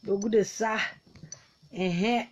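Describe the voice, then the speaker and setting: A woman's voice: mid-range voice, fairly even intonation, takes it slowly, a little mellow, slight background noise. A woman, taunting and mocking her critics in a heated live-stream rant, often laughing. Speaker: livestreamer.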